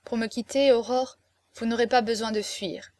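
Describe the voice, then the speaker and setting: A grave middle-aged guardian, reserved and sorrowful, as a woman reader puts him on, murmuring with hesitation. The voice stays fairly high and is recorded dry and close, like a storybook read aloud. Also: steady tone, moderate pace, dark tone, no room sound, lightly acted. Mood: bitter.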